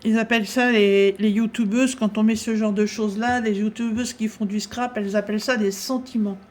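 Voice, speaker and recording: A woman chatting casually through a craft-supply haul, talking with many pauses and fillers. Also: medium pitch, steady tone, a little mellow, a little hiss or hum.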